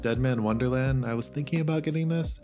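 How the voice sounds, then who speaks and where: A fast-talking manga vlogger with a medium-pitched, somewhat worn voice chats enthusiastically about the books he picked up, letting out soft laughs. Soft music plays in the background of this casual vlog.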